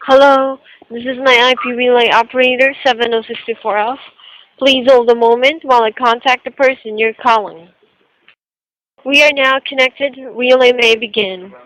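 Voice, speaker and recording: A woman working as a relay operator, reading typed messages aloud in a flat, scripted way. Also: on the high side, poor audio. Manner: flat, scripted reading, even when the words are rude.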